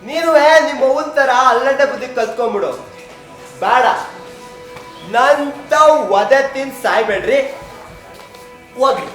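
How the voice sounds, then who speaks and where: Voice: sits high, a little slow, long pauses, fairly bright tone. A stage actor playing a coarse, abusive drunken father who taunts his wife. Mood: taunting drunk. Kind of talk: stage drama acting. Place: stage in a hall. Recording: echoey hall, music behind.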